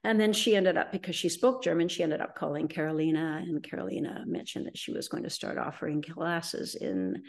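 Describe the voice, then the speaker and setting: A middle-aged woman with a lowish voice recounts her experiences as an interview guest. She rambles, restarts sentences and fills her pauses with ums as she goes. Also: lively intonation. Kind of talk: conversational storytelling.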